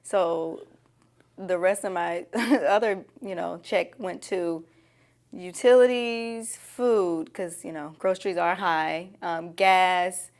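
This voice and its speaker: Woman, slightly low pitch, candid conversational interview answers. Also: slow. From Nashville, Tennessee.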